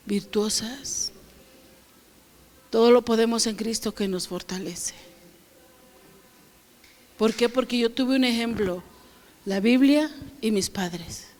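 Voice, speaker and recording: A woman's voice: a little high, a little mellow. A woman pastor preaching a sermon to her congregation, often asking them questions and varying her delivery.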